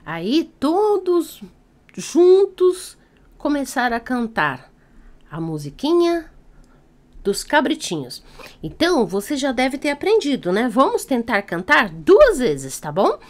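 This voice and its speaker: A children's storyteller and party entertainer with a Brazilian accent improvises a story in a theatrical, teacherly style, checking in with her young listeners. Her high voice swings widely in pitch and moves at a slow pace.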